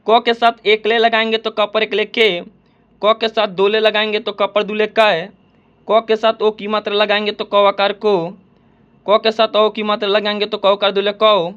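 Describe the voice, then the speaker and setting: Slow, repetitive high-voiced male teacher. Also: fairly bright tone, highs cut off. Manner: explains slowly, repeats questions to viewers. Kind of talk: spoken classroom lesson.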